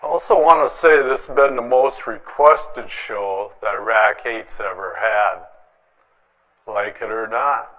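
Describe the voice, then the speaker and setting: A man's voice: fairly low pitch, slow pace, fairly bright tone, dull audio. A man hosting an opinionated public access show, speaking bluntly and defiantly and repeating himself for emphasis. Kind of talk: opinionated monologue to camera.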